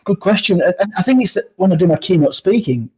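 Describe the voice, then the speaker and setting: A down-to-earth Yorkshireman in his fifties answers interview questions reflectively as a guest speaker. His voice is high, dark in tone and slightly rough, and he talks fast and animatedly.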